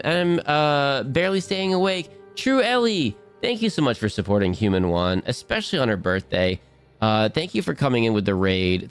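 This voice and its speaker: A man's voice: a little high, smooth. A man casually chatting while streaming a game, upbeat and talkative, reading chat aloud.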